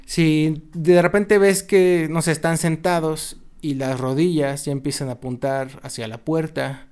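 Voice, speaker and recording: Man, fairly high voice, playful casual co-host. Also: unhurried, clean tone. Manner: lively, jokey, slangy. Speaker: podcast co-host. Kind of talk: casual chat.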